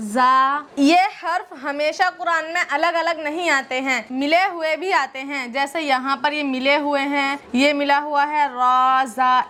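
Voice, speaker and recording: A woman teaching Quran reading, naming each letter slowly and drawing its name out as she explains step by step. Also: high-pitched, pushed and bright. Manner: slow, drawn-out letter names. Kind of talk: patient step-by-step lesson.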